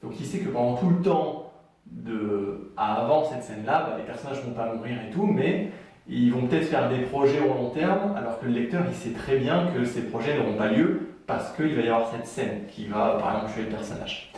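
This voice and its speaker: A man's voice: medium pitch, lively intonation, moderate pace, a little mellow. Echoey, distant male writing coach. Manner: chatty, frequent fillers and restarts. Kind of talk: casual video lesson.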